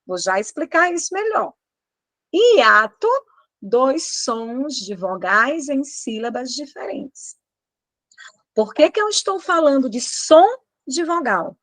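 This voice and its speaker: A Brazilian woman teaching grammar with a lively, swooping voice that sits on the high side. She talks slowly and emphatically, stretching out each example word, close to the mic in a dry, dead room. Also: no echo. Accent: Brazilian Portuguese. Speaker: Portuguese teacher. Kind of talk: online exam-prep lesson.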